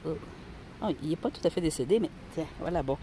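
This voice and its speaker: A woman's voice: low voice, animated, fast talker, warm tone, a little hiss or hum. A woman with a Québécois accent, chatting casually to viewers while hunting rocks outdoors with a handheld phone. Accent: Québécois French. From Quebec. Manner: chatty and rambling, talks to viewers. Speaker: rock-hunting vlogger. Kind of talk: casual outdoor vlog narration. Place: outdoors on a mountain. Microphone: handheld phone camera.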